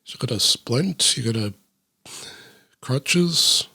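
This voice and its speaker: A man's voice: mid-range voice, slow pace, vocal fry, husky, no echo, clean studio sound. Sarcastic man reading a children's story. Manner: deadpan, sarcastic, swears in asides. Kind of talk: comedic read-aloud with sarcastic asides.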